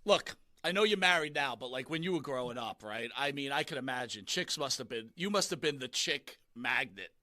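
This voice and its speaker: A man co-hosting an interview, chatting casually in an excitable way and repeating filler words. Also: mid-range voice, a little fast, hardly any pauses. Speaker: interview co-host.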